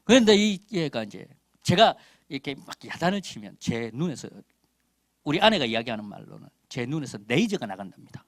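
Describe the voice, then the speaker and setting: A man in his forties preaching a sermon and telling a personal testimony, emphatic, with loud calls and quiet asides. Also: a little high, sing-song, fairly quick, no echo. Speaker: missionary preacher.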